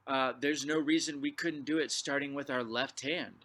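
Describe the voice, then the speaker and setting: A man's voice: mid-range voice, steady tone, moderate pace, very noisy. A man teaching a drumline clinic, explaining exercises and calling count-offs before he plays. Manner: counts off loudly before playing. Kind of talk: percussion lesson.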